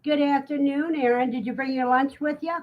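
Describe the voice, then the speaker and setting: A woman's voice: high-pitched, steady tone, a little fast. A woman in her sixties hosting a casual livestream chat, folksy and talkative, reading out viewer comments and answering them. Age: 60s. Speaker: livestream host. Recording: dull lo-fi sound.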